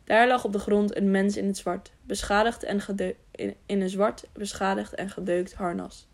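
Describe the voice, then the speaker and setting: A woman reading an audiobook aloud, with a gravelly, creaky texture in her voice. She stumbles over words now and then and goes back to correct them. Her pitch sits in the middle for a woman. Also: flat delivery, normal speed. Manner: frequent slips and self-corrections. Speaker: audiobook reader. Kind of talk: scripted narration.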